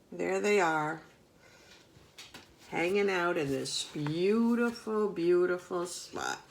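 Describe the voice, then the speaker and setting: A woman's voice: mid-range voice, poor audio. A woman reading a picture book aloud to young children, adding chatty asides to the children. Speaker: storybook reader.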